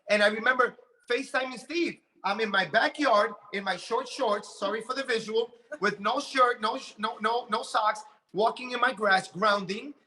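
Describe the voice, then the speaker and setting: A man in his late forties giving an energetic motivational talk about his business, often repeating words as he builds up steam. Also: high voice. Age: 40s. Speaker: network marketing leader.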